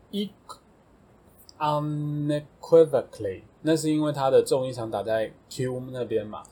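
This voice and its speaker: Casual male podcast host, Taiwanese Mandarin accent, husky and slow-paced, thinks aloud while teaching words. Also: medium pitch. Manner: relaxed, thinks aloud with fillers and self-corrections. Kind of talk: casual vocabulary explanation.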